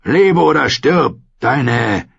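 A man reading an audiobook voices a brutal, scornful warrior who barks and shouts his commands. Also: mid-range voice, lively intonation, very slow, gravelly, slightly rough, dry recording, highs cut off, pitched above the performer's own voice, exaggerated voice. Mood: harsh barking.

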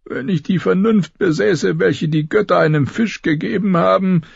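A man voicing a scheming, spiteful old lord in an audiobook, with a shrill, gravelly cackle and a sneering, taunting manner. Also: moderate pace, no room sound, highs cut off, heavily acted. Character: scheming ancient male lord, spiteful and mocking. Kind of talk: audiobook character voice.

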